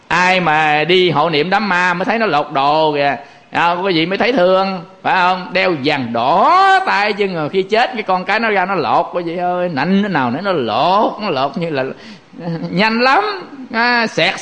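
A man with a Southern Vietnamese accent giving a Buddhist dharma talk in a folksy, animated way, acting out little quoted exchanges. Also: sits high. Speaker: Buddhist monk teaching.

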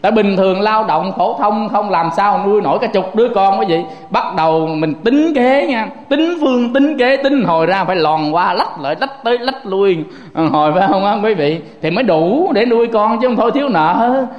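A man preaches a Buddhist sermon. He tells lively stories and keeps addressing his listeners. His voice rings through an echoey hall with a long reverb tail. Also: high-pitched, normal speed, few pauses, lo-fi sound. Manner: lively storytelling, often addressing the audience.

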